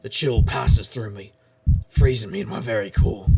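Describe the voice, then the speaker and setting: In a noir audio drama, a male actor voices a wry, world-weary supernatural private detective, narrating in a gravelly, husky deadpan. His mid-range voice moves at normal speed and sounds natural, with a faint hiss or hum behind it. The mood is grim and intense.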